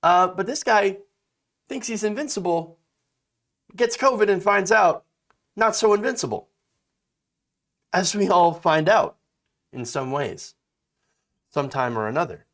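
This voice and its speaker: A man's voice: sits high, animated, unhurried, pauses often, a bit bright. A man in his thirties giving emphatic political commentary, reading out a story and reacting to it, with frequent fillers and restarts. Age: 30s.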